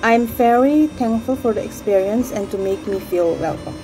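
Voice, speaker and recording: Perempuan muda asing berbahasa Indonesia, suara lembut. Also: female voice, on the high side, normal speed, dark tone, faint music behind, low-quality recording. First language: not Indonesian; Dutch and Javanese speaker. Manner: foreigner speaking Indonesian, mixing in English. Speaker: former language student. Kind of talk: personal testimonial.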